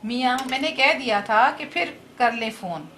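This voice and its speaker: A woman's voice: fairly high pitch, expressive, moderate pace, fairly bright tone, a little hiss or hum. A woman reading the part of a fussy, flustered housewife in a comic play, with scolding, excuse-making lines.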